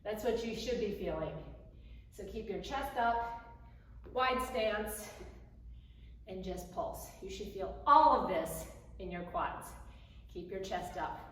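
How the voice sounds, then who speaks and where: A woman's voice: mid-range voice, lively intonation, slow, pauses often, fairly bright tone. A woman fitness instructor coaching a home workout, counting reps and cueing moves in short, encouraging phrases. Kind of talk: home workout coaching while demonstrating exercises. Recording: very echoey room, distant mic, faint noise.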